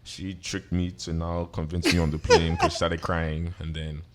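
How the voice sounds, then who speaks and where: A man's voice: low-pitched, level tone, normal speed, very noisy. A young man, a podcast guest, casually telling stories about his life with frequent laughs. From United States and Nigeria. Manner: storytelling, laughing often. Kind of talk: casual chat.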